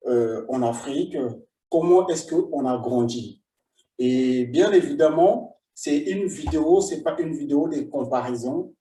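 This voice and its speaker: Man, 40s, unhurried, mellow dark tone, hesitant personal vlog. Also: a little high. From Republic of the Congo. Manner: halting, repeats himself, frequent hesitations. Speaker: vlogger.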